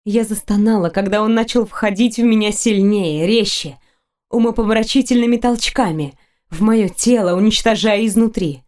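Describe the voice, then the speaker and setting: Mellow woman reading intimately. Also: medium pitch, moderate pace. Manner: soft, intimate, sensual reading. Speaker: audiobook narrator. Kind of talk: first-person romance narration.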